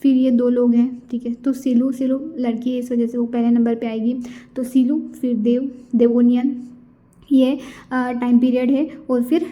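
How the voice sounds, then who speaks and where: A woman's voice: fairly high pitch, level tone, moderate pace, lo-fi sound. A woman teacher giving a lesson built on memory tricks, repeating key terms and checking in with her students after nearly every point. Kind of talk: mnemonic-based exam lesson.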